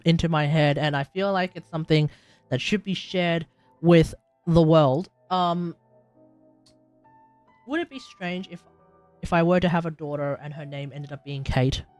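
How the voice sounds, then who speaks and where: Chatting to viewers as he plays, a young adult streamer from Australia muses aloud and occasionally lets out abrupt loud outbursts. His voice is mid-range, and there's no room sound at all.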